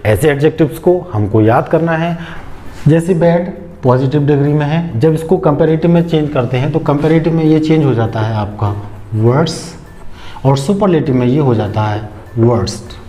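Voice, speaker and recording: Mellow-voiced man teaching grammar. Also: a little high. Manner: slow, step-by-step explanation with rhetorical questions. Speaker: English teacher. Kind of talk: explaining grammar on a whiteboard.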